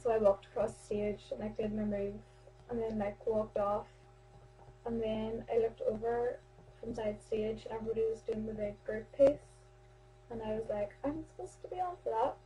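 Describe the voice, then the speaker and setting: A woman's voice: a little high, flat delivery, moderate pace, warm tone, a little hiss or hum, poor audio. A young Irish woman in her teens chatting casually to a webcam about amateur theatre, rambling, with many fillers and restarts. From Ireland. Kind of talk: casual vlog chat.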